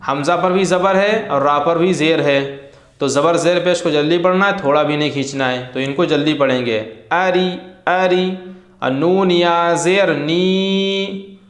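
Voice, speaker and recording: A man teaching Quran reading, spelling out letters syllable by syllable in a slow, drawn-out chant and then explaining the rules in quicker plain talk. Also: a little high, roomy sound. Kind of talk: slow syllable-by-syllable recitation lesson.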